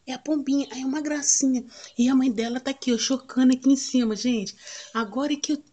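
A woman with a Brazilian Portuguese accent, vlogging casually outdoors at home on a handheld phone, tender and cooing, often dropping to a soft near-whisper. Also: sits high, steady tone, brisk. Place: outdoors at home in strong sun. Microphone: phone camera held while filming.

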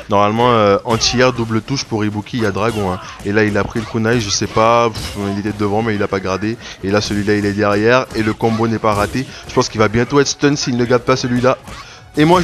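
A man giving casual play-by-play commentary on his own online fighting game matches, rambling, restarting his sentences and breaking into sudden excited outbursts. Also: lowish voice. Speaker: gaming video creator. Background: game music.

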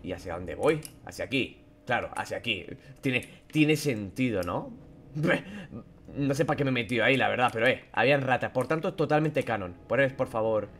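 A young man from Spain, a gaming YouTuber with a Spain Spanish accent, narrates a horror game as he plays. His medium-pitched voice is expressive and a bit bright, at a moderate pace. He yelps and swears when startled, then goes back to muttering between scares.

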